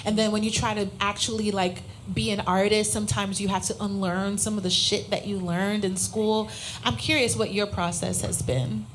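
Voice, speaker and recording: A woman's voice: medium pitch, fairly even intonation, moderate pace, a little hiss or hum. A young woman hosting a live podcast, effusive and hyping up the crowd. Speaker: podcast host. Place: live cafe event before an audience.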